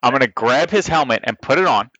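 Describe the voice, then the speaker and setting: A man's voice: medium pitch, expressive, fast, pushed and bright, no room sound, lo-fi sound. A man talking casually and with animation as a player in a tabletop game.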